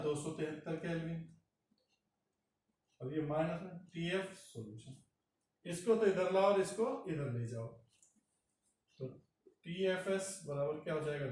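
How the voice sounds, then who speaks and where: A man's voice: a little high, a little mellow. A man teaching chemistry, working a problem step by step and doing the arithmetic aloud. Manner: slow, talks through arithmetic aloud. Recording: roomy echo from far off the mic.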